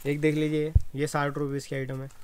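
Young male wholesaler, quick flat price patter, slightly high voice, faint noise, small indoor shop. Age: young adult. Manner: rapid salesman patter, rattles off prices; repeats "haan ji" agreement. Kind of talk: product walkthrough. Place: cramped indoor bag shop.

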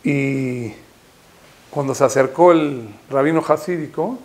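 A man's voice: medium pitch, slow. A man, a rabbi giving a Torah sermon, emphatic and rising to impassioned repeated calls, with Hebrew terms mixed in. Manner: peppers speech with Hebrew terms.

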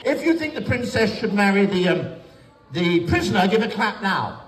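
Animated older English kids' party magician, echoey hall. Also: male voice, high voice, normal speed. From England. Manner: playful, theatrical, instructing and teasing children. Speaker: children's magician and entertainer. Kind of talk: kids' party magician patter, live comedy stage show. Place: large wood-panelled indoor council chamber. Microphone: audience phone camera from several metres. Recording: echoey hall, distant phone, noisy young audience. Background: crowd of children and adults.

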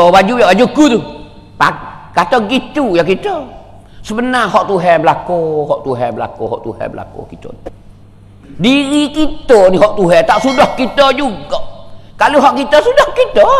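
Brief: man, preacher giving an emphatic, repetitive sermon, high-pitched, long hall reverb. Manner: emphatic, repetitive, rhetorical questions. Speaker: religious teacher.

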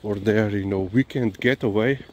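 A man with a Slovenian accent, a dog owner who vlogs, rambles casually and hesitantly as he walks outdoors, often dropping in "you know." His voice is on the low side and a little mellow. Outdoor noise, including vehicles, is clearly audible.

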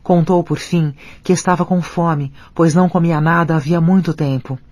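A man narrating an audiobook in an even, measured reading voice. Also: a little high, dry recording. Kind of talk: scripted narration.

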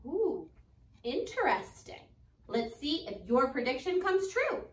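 Reading aloud from a picture book, an American elementary school teacher in her twenties speaks with a voice that sits high. She's animated and deliberate, adding expressive, chatty asides and asking the young listeners questions. It's captured indoors in a roomy classroom on a phone camera at a distance.

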